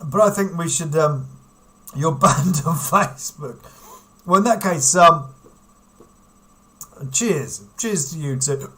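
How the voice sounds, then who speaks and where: Slow, giggly man hosting a livestream. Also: a little high, expressive, pushed and bright. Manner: rambling, giggly, reads out viewer comments. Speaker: livestream host. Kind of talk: casual livestream chat.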